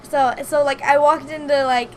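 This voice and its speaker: High-voiced giggly woman telling stories. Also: moderate pace, slight background noise. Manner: giggly, animated storyteller. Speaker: podcast guest. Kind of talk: casual chat.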